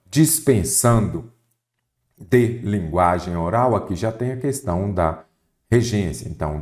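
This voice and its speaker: A man with a Brazilian Portuguese accent teaches an exam-prep grammar class in a slightly low voice. He walks through each rule step by step, poses questions to the students and answers them himself. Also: darkish tone.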